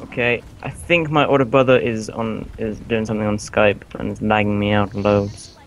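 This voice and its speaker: A man's voice: fairly low pitch, level tone, moderate pace, slight background noise. A man playing an online shooter with a friend, talking in casual banter with dry, self-mocking humour. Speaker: friend and co-player.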